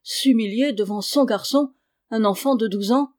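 A woman reading aloud the part of a gruff, repentant farmer father in a classic storybook. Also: fairly high pitch, moderate pace, a little mellow, close to an everyday voice.

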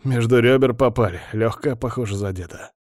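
A man voicing a blunt, excitable young male sidekick who talks in coarse slang. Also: medium pitch, brisk, no echo, studio quality, natural voice. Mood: grim. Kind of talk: audiobook character voice.

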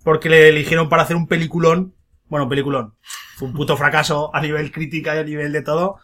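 A man hosts a loose, comedic film podcast. His voice is bright and forward and sits a little high. He tells stories with a jokey edge and slips into silly voices for the quotes. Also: flat delivery, fast. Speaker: podcast host.

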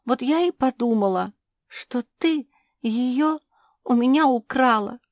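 A woman's voice: sits high, slow pace, no echo, studio quality, voice pushed up. A woman voicing a timid young female spitz dog in a children's audiobook, speaking in a trembling, tearful way. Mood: apologetic.

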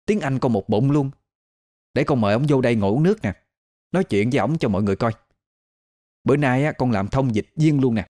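A man's voice: medium pitch, normal speed, pauses often, voice pushed up, lightly acted. A man voicing a boastful young woman who runs a café and stumbles through broken English. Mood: boastful flustered. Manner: fumbling broken English, excitable.

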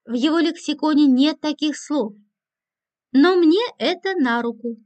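Woman audiobook narrator; first-person, ironic, high-pitched. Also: a little slow, darkish tone. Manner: dry and ironic.

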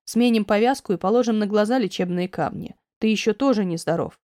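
A woman voicing a calm, reassuring middle-aged male doctor who talks gently and steadily. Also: mid-range voice, brisk, no room sound, studio quality, close to an everyday voice. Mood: soothing.

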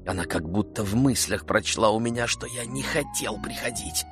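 Brief: anxious, impatient gentleman in a storybook, read by a male narrator, low-set voice, faint music bed. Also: moderate pace, lightly acted. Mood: fretful. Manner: nervous, impatient, hushed asides. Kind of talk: audiobook character reading.

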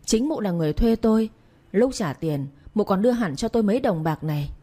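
A woman reading the part of a young male farmhand who points and shouts accusations. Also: mid-range voice, expressive, a little fast, close to an everyday voice. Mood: accusing.

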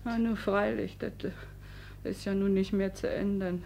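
A woman's voice: mid-range voice, fairly even intonation, moderate pace, vocal fry, dark tone, slight background noise, natural voice. An actress playing a desperate, menacing middle-aged cleaning woman, who switches between coaxing and threatening, in 1950s radio play style. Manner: coaxing, then threatening, muttering under her breath.

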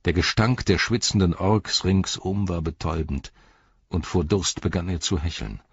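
Man, audiobook narrator, measured dramatic reading, husky voice, dry dull recording. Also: deep voice, no echo. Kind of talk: scripted narration.

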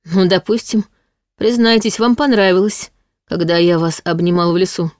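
A woman reading the lines of a protective, teasing male demon in an audiobook, speaking in a low, insistent way. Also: steady tone, moderate pace, darkish tone, dry recording, studio quality, natural voice.

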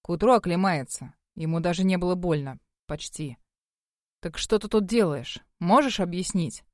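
A woman reader voicing a gruff, brooding male magic master who speaks curtly and low in an audiobook. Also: moderate pace, a little mellow, no room sound, studio quality, natural voice. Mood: grumbling. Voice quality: low and growling. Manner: curt, demanding. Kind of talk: audiobook character voice.

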